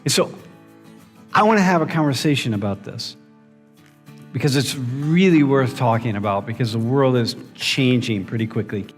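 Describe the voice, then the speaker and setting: A man's voice: medium pitch, normal speed. A man lecturing as a professor, quizzing students directly and often restarting his sentences. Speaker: university professor. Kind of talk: classroom lecture. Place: large lecture hall. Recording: reverberant lecture hall with background music.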